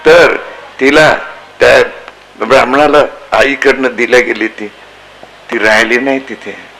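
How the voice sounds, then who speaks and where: A man preaching a devotional storytelling sermon, telling a folksy childhood anecdote and acting out voices and a cow's lowing. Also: fairly even intonation, a little slow, sharp tone, slight background noise, low-quality recording. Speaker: kathā preacher.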